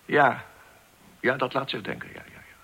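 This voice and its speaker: An actor playing a cautious elderly chancellor in a radio drama, speaking formally and deliberately. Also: male voice, medium pitch, flat delivery, bright, forceful tone, slightly rough. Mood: measured. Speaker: statesman.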